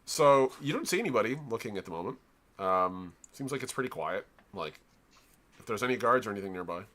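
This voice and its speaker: A man's voice: lowish voice, lively intonation, fairly quick, a bit bright. A man running a tabletop game, improvising narration and casually explaining scenes to players. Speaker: game master. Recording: prominent background music.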